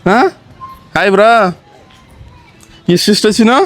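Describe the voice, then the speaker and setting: A man's voice: high-pitched, fairly even intonation, measured pace, faint music behind. A young man with a Kannada accent, chatting casually in a vlog, teasing and coaxing a crying little girl. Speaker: vlogger. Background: crowd chatter.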